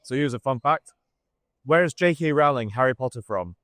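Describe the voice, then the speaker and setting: A man with a posh English accent talks as a guest in a casual interview, blunt and provocative. His voice sits at an ordinary middle pitch. It is recorded dry, with almost no room sound. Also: lively intonation, normal speed, a bit bright, dry recording. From Scotland. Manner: blunt, provocative, laughs at own jokes.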